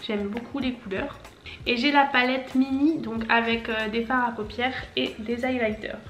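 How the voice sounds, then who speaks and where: A woman's voice: fairly high pitch, fairly even intonation, normal speed, a bit bright. A woman in her twenties, a makeup vlogger chatting casually and explaining each step as she goes. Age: 20s. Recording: echoey room, faint background music.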